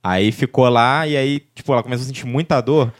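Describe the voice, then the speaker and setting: A man hosting a casual podcast, telling a relaxed personal story. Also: mid-range voice, fast talker.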